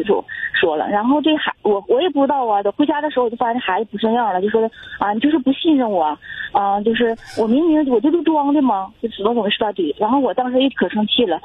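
A woman's voice: on the high side, husky, no room sound. A woman, calling in to a radio show and rambling agitatedly, repeating herself. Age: 40s. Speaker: caller. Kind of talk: call-in radio confession. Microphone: telephone. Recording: tinny phone line.

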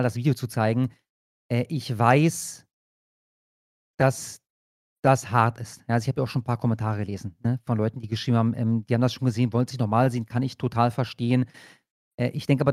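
A man's voice: mid-range voice, darkish tone, no room sound, studio quality. A man hosting a casual news reaction show, talking loosely with frequent filler sounds and restarts. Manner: hesitant, many fillers and restarts. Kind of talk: casual commentary.

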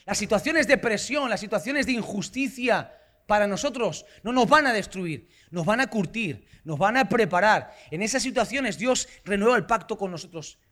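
A man from Spain preaching a sermon in a church hall, emphatic and rising to shouts on key phrases. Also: sits high, lively intonation, moderate pace. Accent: Spanish from Spain. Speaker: pastor.

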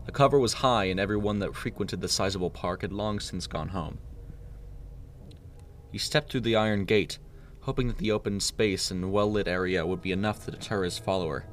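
Male narrator for a storybook reading: deep voice, steady and even delivery, faint noise behind him. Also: normal speed.

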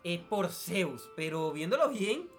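A man's voice: sits high, sing-song, slow. A young man co-hosting a casual podcast, talking loosely with slang and trailing asides. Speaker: podcast co-host. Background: faint background music.

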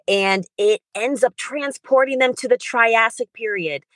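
Speaking with earnest, flowing enthusiasm, a young German children's book author answers a podcast interviewer's questions as a guest. She has a mid-range voice with a fairly bright tone, and the recording has no echo.

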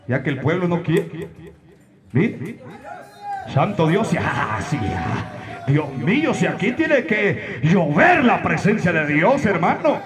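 Male preacher, high and animated, emphatic shouting delivery, live church with the congregation audible. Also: takes it slowly, long pauses, music in the background, a crowd in the background. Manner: emphatic, preaching with rhetorical questions and sudden shouts. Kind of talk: sermon.

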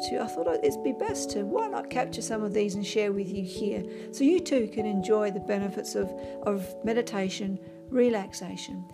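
A woman speaking as a podcast host, introducing her show to listeners. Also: medium pitch. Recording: roomy, echoing sound with faint music.

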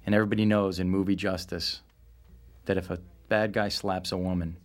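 A man's voice: low-pitched, flat delivery, brisk. A man explaining scenes casually in a film commentary, speaking as one of the filmmakers.

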